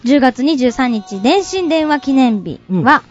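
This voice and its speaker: A woman's voice: high-pitched, very animated, soft background music. A teenage girl, a singer guest on a radio show, cheerfully chatting and reading out trivia. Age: teens. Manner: cheerful, reads trivia slowly and carefully. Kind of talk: casual radio chat. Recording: slightly dull radio recording.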